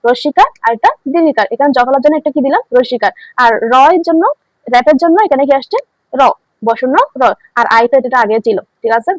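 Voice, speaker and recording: A woman's voice: high-pitched, fast talker, no echo, low-quality recording. A woman teaching a grammar lesson, asking questions and answering them herself, repeating key words. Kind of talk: online classroom lesson.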